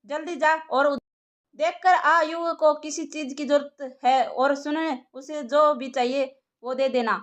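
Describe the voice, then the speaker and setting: A woman's voice: high-pitched, fairly even intonation, unhurried. A woman voicing a scheming, domineering mother who scolds her daughter in an audio story. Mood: scolding. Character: scheming, bossy middle-aged mother.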